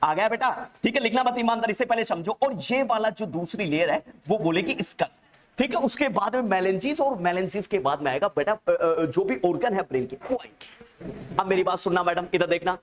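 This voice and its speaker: A man teaching a nursing exam class. He dictates terms slowly and repeats them for students to write down. He keeps checking that they have understood and calls them "child" in a fond, coaxing way. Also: high voice, lively intonation.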